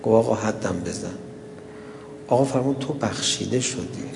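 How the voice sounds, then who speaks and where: Gravelly preacher in an echoing hall. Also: male voice, lowish voice, background noise. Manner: tender, rising into mournful lament. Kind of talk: religious sermon with storytelling and lament.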